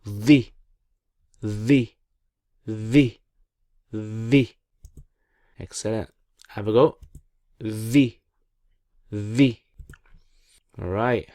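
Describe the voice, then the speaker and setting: A man teaching pronunciation in a call-and-repeat lesson, encouraging and deliberate as he repeats sounds for learners. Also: on the low side, a little mellow, no echo, clean studio sound. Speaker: Quran reading teacher.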